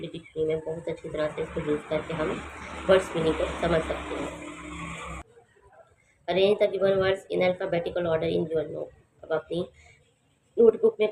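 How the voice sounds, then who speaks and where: A lower-pitched woman teacher with a Pakistani accent works through a children's English exercise. She reads each line slowly and carefully, then explains it in a plain, repetitive teaching manner. A faint hiss of noise sits under her voice. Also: vocal fry, poor audio. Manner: steady, repetitive teaching, spells words letter by letter.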